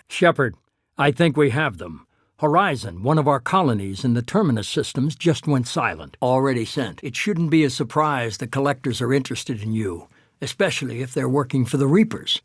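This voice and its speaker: A husky middle-aged man who leads a shadowy organization in a sci-fi video game. He speaks with cool, measured authority at a medium pitch, persuasive and calculating. The sound is dry, with no room around it. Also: no echo. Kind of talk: cinematic video game dialogue.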